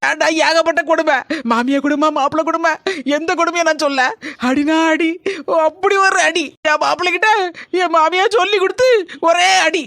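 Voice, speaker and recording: A woman's voice: very high-pitched, steady tone, moderate pace, a bit bright, no room sound, studio quality. A woman with a Kanyakumari Tamil accent, complaining and pleading in a cartoon comedy.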